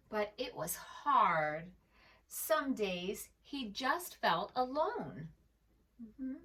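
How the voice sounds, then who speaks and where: A children's storyteller with a mid-range voice reads a picture book aloud to preschoolers, gentle and expressive with plenty of melodic movement. She lingers over each phrase, addresses the young listener directly and asks questions, recorded from a little way off.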